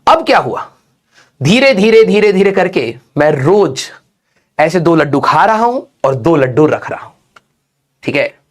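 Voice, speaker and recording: A man teaching a class breaks off into a funny childhood story, his high voice leaping up and down. He tells it in an animated way and keeps asking his students a quick "okay?" as he goes.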